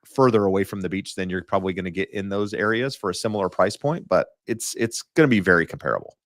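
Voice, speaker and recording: A man's voice: deep voice, fast, dry recording. A man hosting a real estate talk show, chatting loosely with many fillers and restarts. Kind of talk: casual market talk.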